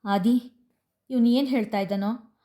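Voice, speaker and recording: A woman's voice: a little high, steady tone, measured pace, warm tone, close to an everyday voice. A woman voicing an anxious middle-aged mother who fires off worried questions in a story reading. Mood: frightened.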